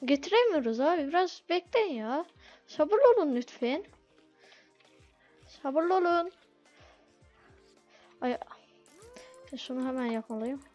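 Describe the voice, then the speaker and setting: A woman commenting casually on a restaurant game she is playing, flustered and begging her customers to be patient. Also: sits high. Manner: flustered, pleads with impatient customers. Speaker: gameplay video host. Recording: dull lo-fi audio with game music.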